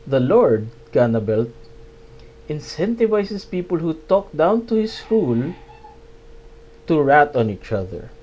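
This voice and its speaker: A man talking through a game review at an unhurried pace, his voice soft and mellow. He drops in dry, sarcastic asides. The recording is dull and lo-fi, with a faint hiss behind him. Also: medium pitch. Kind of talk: video essay commentary.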